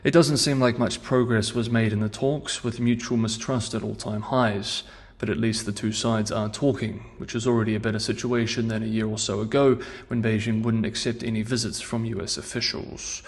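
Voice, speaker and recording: A man hosting a scripted news analysis show in a measured presenter's delivery, recorded on a mic in a meeting room with imperfect acoustics. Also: fairly low pitch, flat delivery.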